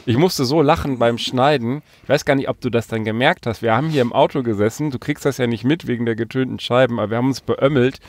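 A man's voice: mid-range voice, quick pace, few pauses, no room sound. A man from Berlin hosting a casual podcast chat from inside a parked van, teasing his co-hosts with playful introductions. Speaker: podcast host. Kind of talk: casual chat among friends.

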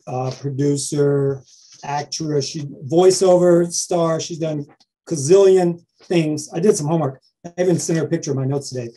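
Man, Southern accent, talk-show host, high energy, joking, somewhat high voice, mellow. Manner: high-energy, joking, rapid hype intros. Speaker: host and stand-up comedian.

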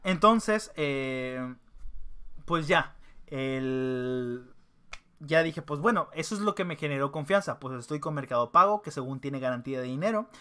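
A young Mexican man tells a long story to his vlog audience in casual, slangy speech, stopping often for fillers and restarts. His voice sits a little high and sounds bright and forceful. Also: lively intonation, a little slow, smooth. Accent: Mexican Spanish. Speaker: vlogger.

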